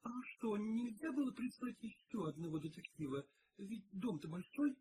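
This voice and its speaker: A man doing a shy scared young maid, squeaky high, nervous, faint hiss in the back. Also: lively intonation, normal speed, a little mellow, rough recording. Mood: timid. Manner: timid, nervous.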